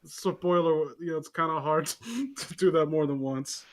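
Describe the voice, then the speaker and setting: A man's voice: on the high side, a little slow. A man bantering and joking in a casual podcast chat. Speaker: podcast co-host.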